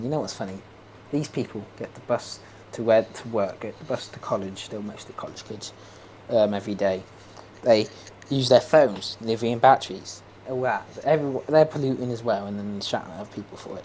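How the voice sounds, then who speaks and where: A man's voice: medium pitch, a little mellow, slight background noise. A young man chatting casually while playing a game, rambling, opinionated and laughing often. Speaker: gaming streamer.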